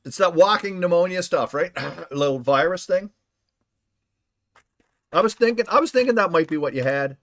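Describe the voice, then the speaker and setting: A man's voice: high voice, expressive, normal speed, pauses often, a bit bright. A man streaming a game from home, chatting casually and playfully with his viewers and inventing silly words. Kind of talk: casual live stream chat.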